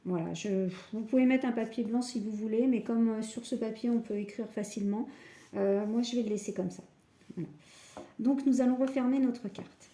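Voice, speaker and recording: A woman calmly guiding a scrapbooking tutorial step by step, working standing up. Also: a little high, moderate pace. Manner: calm step-by-step, often says "voilà". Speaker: scrapbooking crafter. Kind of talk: crafting tutorial.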